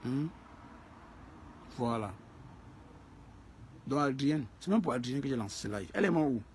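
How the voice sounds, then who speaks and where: A man's voice: medium pitch, lively intonation, normal speed, a little hiss or hum. A man hosting a casual live stream, greeting viewers by name and repeating phrases for emphasis.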